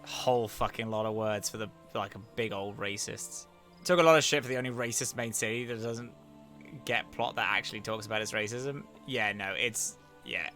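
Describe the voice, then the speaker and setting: A man streaming a game, chatting casually and excitably with lots of swearing. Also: on the low side, moderate pace, faint music behind. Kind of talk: casual gaming stream chat.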